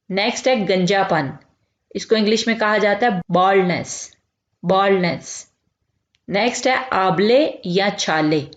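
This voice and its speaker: A woman teaching medical vocabulary, repeating each term slowly and clearly. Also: mid-range voice. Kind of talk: vocabulary lesson. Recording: echoey, dull lo-fi room recording.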